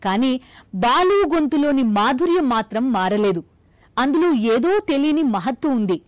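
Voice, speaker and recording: A woman's voice: sits high, expressive, normal speed, no room sound. Woman reciting lyrical narration, dry sound. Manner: lyrical, rhythmic, admiring recitation. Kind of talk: poetic scripted narration.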